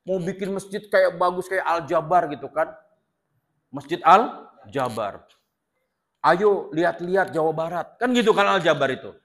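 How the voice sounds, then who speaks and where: A man's voice: on the high side, animated, normal speed, creaky, a bit bright. A middle-aged man preaching a casual, humorous sermon in a prayer hall. He keeps asking the listeners questions and often calls them "sir". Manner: chatty, asks the audience questions; often addresses listeners as "Pak".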